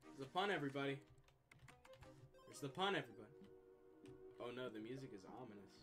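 A let's play streamer commenting on a game in an animated, joking, swearing way. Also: mid-range voice, fairly quick, faint music behind. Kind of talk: gameplay commentary.

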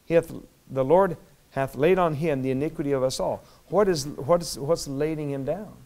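A man with a high-pitched voice preaching a sermon as pastor. He shifts from low, conversational explaining to loud, emphatic passages. He repeats words and restarts phrases as he builds his points. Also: normal speed. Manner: swings from quiet teaching to loud emphatic preaching.

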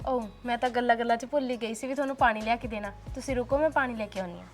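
A woman playing a defiant sharp-tongued wife. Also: fairly high pitch, racing, soft background music, lightly acted. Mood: sweet, flattering. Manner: sharp-tongued, scolding, taunting. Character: defiant young wife, housemaid, fed up with her husband. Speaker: actor in a short film.

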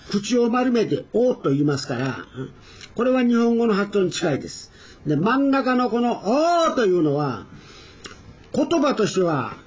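A man teaching Korean pronunciation in a recorded lesson, slowly drawing out each vowel sound as he demonstrates it. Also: high-pitched, darkish tone, breathy edge. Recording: dull lo-fi recording.

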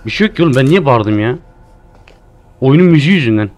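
A man's voice: medium pitch, animated, quick pace, darkish tone. A man doing live commentary while playing a horror game, jumpy and joking, cursing at the game. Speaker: streamer.

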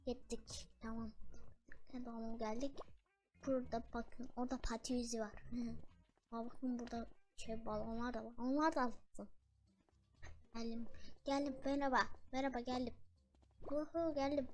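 A woman's voice: a little high, steady tone, moderate pace, pauses often, darkish tone, slight background noise. A woman hosting a gaming channel, chatting casually to viewers and her in-game pet as she plays. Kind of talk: casual gameplay commentary.

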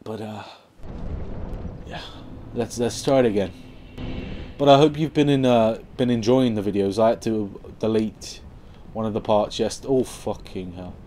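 A young man giving casual let's-play commentary on his game, sarcastic and swearing, with sudden loud outbursts at the game. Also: on the low side, unhurried, long pauses, a little hiss or hum. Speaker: gameplay commentator.

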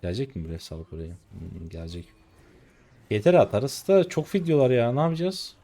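A man's voice: medium pitch, lively intonation, a little fast, dark tone, soft background music. A man in his twenties streaming a game live, ranting at his teammates in an irritated, cursing way. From Turkey. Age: 20s. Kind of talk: live gameplay commentary.

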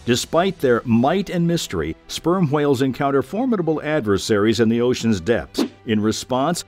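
A man reading scripted nature documentary narration in a measured, formal storytelling way. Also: mid-range voice, darkish tone. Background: background music.

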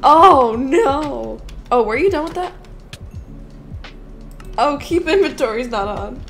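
A woman streamer with a high voice that swoops up and down, talking through a video game with a playful, giggly manner. She speaks at an unhurried pace, and faint music plays behind her. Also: animated. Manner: playful, giggly, silly wordplay. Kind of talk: casual gaming chat.

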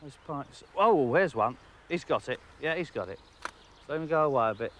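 A middle-aged man with a slightly raised voice commentates his own fishing from a lakeside jetty. He is excitable, laughs often and talks straight to the fish. The sound is outdoor, close on a lapel mic. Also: on the high side, normal speed. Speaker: angling presenter.

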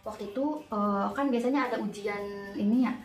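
A young woman, telling an animated storytime while doing her makeup, recorded in a roomy indoor space from a distance with faint music. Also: medium pitch, a little fast. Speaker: nurse vlogger.

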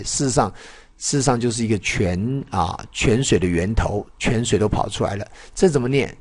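A man teaching a children's Chinese lesson, drawing out syllables slowly when modelling pronunciation and mixing in English words. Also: on the low side, slightly rough. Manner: switches between Mandarin and English words.

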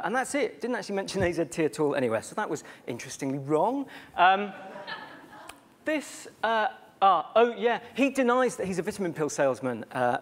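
A British man giving a conference talk on bad science, chatty and sarcastic, with many fillers and asides. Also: sits high. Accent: British English. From Britain. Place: conference stage before an audience.

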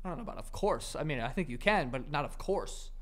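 Sardonic young man, animated voice. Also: a little high, quick pace. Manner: sardonic, self-deprecating, laughs a lot. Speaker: podcast co-host. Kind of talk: casual banter.

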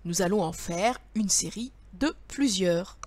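Slow, patient woman teacher. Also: mid-range voice, lively intonation, darkish tone, a little hiss or hum. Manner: slow, patient, sing-song, speaking to a child. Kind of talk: children's riddle lesson.

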